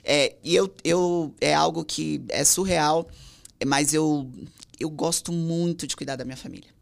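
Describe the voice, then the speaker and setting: A woman's voice: deep voice, fairly even intonation, unhurried, vocal fry. A Brazilian woman guest on an interview podcast, telling personal stories with emotion and acting out other people's voices. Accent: Brazilian Portuguese. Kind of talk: personal storytelling.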